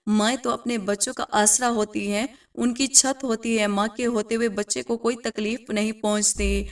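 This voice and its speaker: A woman's voice: on the high side, fairly even intonation, distant mic, natural voice. A woman voicing a frightened, grieving young orphan boy in a storybook tale, pleading and tearful.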